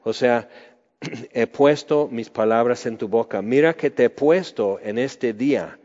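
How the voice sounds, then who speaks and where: A man's voice: mid-range voice, a little mellow. A man preaching a Bible teaching, conversational, asking his listeners questions. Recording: muffled sound with long hall reverb.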